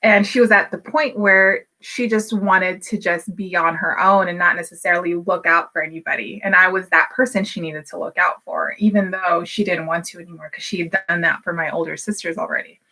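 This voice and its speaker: A woman's voice: fairly low pitch, fairly even intonation, fairly quick, few pauses, bright, forceful tone. A woman in her thirties from Hawaii, a business coach talking candidly to camera in a casual, motivational way, with many fillers. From Hawaii, United States. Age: 30s. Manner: candid and personal, with frequent fillers.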